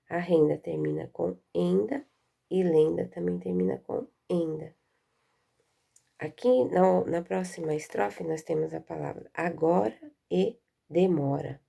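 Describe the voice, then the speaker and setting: Gravelly Brazilian woman teaching children. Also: on the low side. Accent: Brazilian Portuguese. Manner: patient, checks understanding often with "né?" and "tá vendo?"; calls out sample words loudly and slowly to show stress. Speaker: primary school teacher. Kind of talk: recorded remote lesson.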